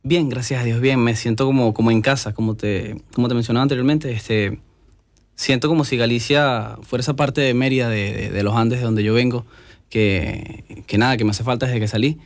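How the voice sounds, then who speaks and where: An earnest young Venezuelan man speaks in a relaxed interview, his voice at an ordinary male pitch. He fills his pauses with small words and often repeats himself. The sound is dry and close, with no room echo. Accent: Venezuelan Spanish. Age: young adult. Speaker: musician and guest. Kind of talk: casual interview chat.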